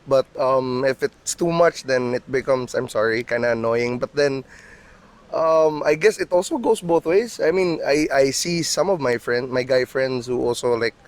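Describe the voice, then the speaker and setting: A man's voice: mid-range voice, moderate pace, low-quality recording. A twenty-five-year-old man from the Philippines, a medical student, answering questions in a joking, self-deprecating, hesitant way. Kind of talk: casual chat.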